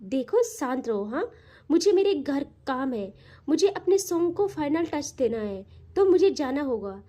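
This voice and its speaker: A woman voicing a young woman who speaks softly and calmly while keeping her partner at a cool distance, in a spoken audio love story. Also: sits high, a little slow. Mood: coolly calm. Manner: soft, calm and detached. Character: young woman lover, calm and coolly distant.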